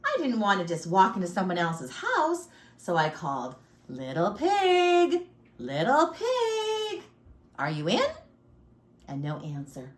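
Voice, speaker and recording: Dropping below her own natural pitch into a lowish register, a woman swoops wildly in pitch at a moderate pace while voicing a male wolf. In this echoey storybook read-aloud, the chatty, self-pitying wolf recounts his side with sly grievance, folksy theatrics and staged sneezes.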